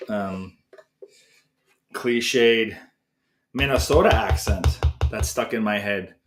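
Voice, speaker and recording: A man's voice: on the low side, slow, over music. A man hosting a live cooking stream from his home kitchen, talking casually and rambling as he works. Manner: chatty, rambling, self-correcting. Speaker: cooking show host. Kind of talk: casual live cook-along chat. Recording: echoey kitchen with noisy background.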